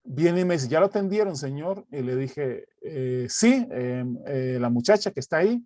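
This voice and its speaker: A man teaching an informal Bible lesson, talking haltingly with many restarts and checking in with his listeners as he goes. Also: medium pitch, expressive, mellow, no echo, clean studio sound. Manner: halting, many restarts, keeps asking "right?".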